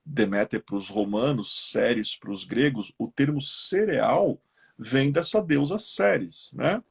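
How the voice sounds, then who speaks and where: A man with a Brazilian Portuguese accent teaches esoteric lore in a live-stream chat, telling old myths as stories. He acts out characters in quoted voices and keeps checking in with tag questions. His medium-pitched voice is unhurried, creaky, and slightly rough.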